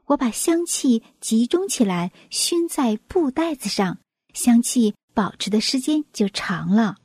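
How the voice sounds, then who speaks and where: A woman voicing a gentle, brave young female flower in a storybook tale, speaking earnestly. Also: fairly high pitch, expressive, a little slow, breathy edge, dry recording, heavily acted. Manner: earnest, pleading.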